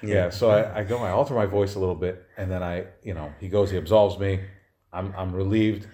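A man's voice: low-pitched, steady tone, brisk, warm tone. A man who is a sub-deacon, casually telling a personal story on a podcast with a self-deprecating touch. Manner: casual and self-deprecating, chuckles through stories.

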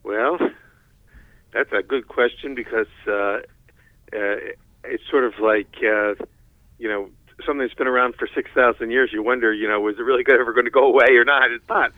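A man answering as a guest expert in an interview, halting with many hesitations. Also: medium pitch, steady tone, no room sound. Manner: halting, lots of uh's. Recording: tinny phone line.

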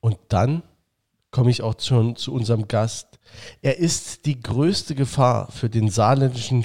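A man's voice: mid-range voice, warm tone. A man hosting a casual fan podcast over a virtual call, chatting loosely with many fillers and restarts. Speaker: podcast host. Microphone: remote call setup.

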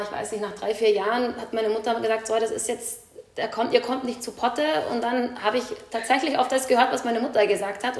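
A woman, a guest in an interview, tells her personal story in a candid, chatty way with quick asides. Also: fairly high pitch. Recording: echoey room.

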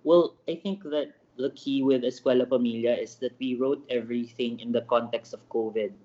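A man's voice: mid-range voice, fairly even intonation, normal speed, mellow. A man answering interview questions over an internet call. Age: 30s. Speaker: guest, education project founder. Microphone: Skype call. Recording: slightly dull internet call audio.

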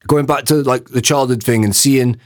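A man co-hosting a relaxed podcast conversation. He talks in halting bursts, restarting sentences and swearing casually. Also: medium pitch. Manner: halting, restarts and loses his thread. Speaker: podcast co-host. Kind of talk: casual chat.

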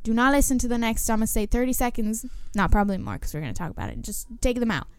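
A woman's voice: fairly high pitch, big pitch swings, fast talker, darkish tone, clear, resonant tone, dry recording. A woman in casual podcast chat, blunt and sweary, laughing often.

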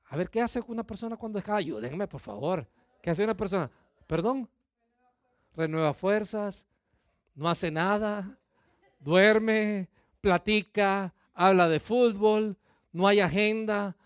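A middle-aged man preaching a sermon, lively, firing questions at the congregation and acting out their excuses. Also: high voice, no echo, studio quality. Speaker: pastor.

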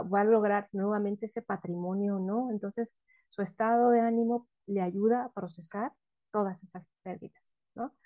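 A woman's voice: medium pitch, dark tone. A woman, a guest expert explaining emotional education in an interview, often asking questions and answering them herself.

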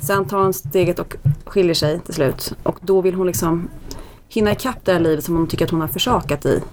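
En kvinna i 30- eller 40-årsåldern som gäst och mamma, som berättar livligt och skrattar ofta i ett avslappnat samtal. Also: female voice, fairly low pitch, slight background noise. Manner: lively storyteller, laughs often. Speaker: guest, mother. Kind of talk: casual podcast chat.

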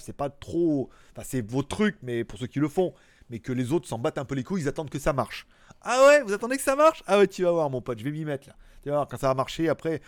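A man's voice: a little high, no echo. A man hosting a daily tech live stream, chatting in a rambling, slangy way. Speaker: tech YouTuber host. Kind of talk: casual chat.

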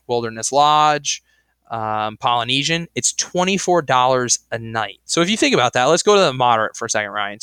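Chatty young man, bright and crisp. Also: mid-range voice, no room sound. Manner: rambling, chatty, many fillers and restarts. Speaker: podcast co-host. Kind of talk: casual chat.

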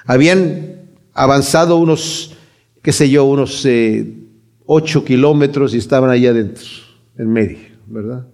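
A man preaching a sermon, animated, swinging between loud and hushed, acting out quoted voices as he retells. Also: medium pitch, unhurried. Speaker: pastor.

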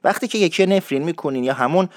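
A man teaching dialect expressions, explaining in a lively way and repeating words slowly for learners. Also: fairly high pitch, dry recording, clean studio sound. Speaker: language teacher.

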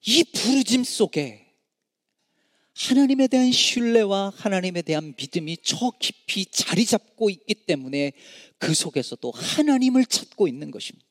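High-voiced pastor preaching in a hall. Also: male voice, big pitch swings, normal speed, clean studio sound. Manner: dramatic rises and hushed drops, voicing anguished cries to God. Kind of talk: sermon.

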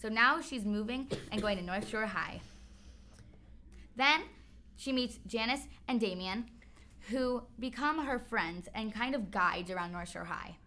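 A woman's voice: fairly high pitch, a little slow, sharp tone. A young woman co-hosting a musical theater segment, presenting a summary in an announcer-like, read-out manner. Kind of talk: semi-scripted segment presenting.

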